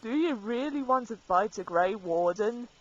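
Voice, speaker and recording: A woman's voice: fairly high pitch, expressive, moderate pace, lo-fi sound. A woman casually playing through a fantasy game, reading dialogue choices aloud in a dry manner. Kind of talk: let's play commentary.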